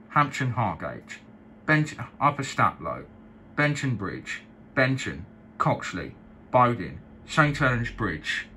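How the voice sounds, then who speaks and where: A man doing a formal train station announcement voice, slowly reading out a list of stops. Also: mid-range voice, pushed and bright, a little hiss or hum, voice pushed down, full character voice, low-quality recording. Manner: slow, measured listing of stops.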